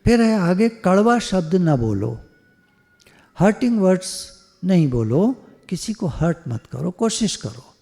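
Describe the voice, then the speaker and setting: ऊँची आवाज़ वाला पुरुष प्रवचनकर्ता, गूंजते हॉल में. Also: male voice, high-pitched, big pitch swings, unhurried, creaky, warm tone. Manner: conversational, joking, mixes English words. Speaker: spiritual speaker. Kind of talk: devotional satsang discourse. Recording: long hall reverb.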